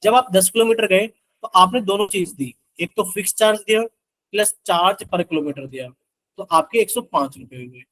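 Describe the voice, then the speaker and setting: A high-voiced man teaches a live online math lesson that sounds like a video-call class, working through the problem step by step and often pausing to ask students if it's clear. He speaks at a moderate pace, a bit bright, in a rough recording.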